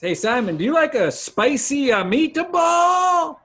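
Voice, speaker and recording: A man's voice: extremely high pitch, big pitch swings, a little slow, creaky, a bit bright, pitched above the performer's own voice, heavily acted. A man voicing a goofy male Swedish magazine reporter with a mock Swedish accent, rambling playfully.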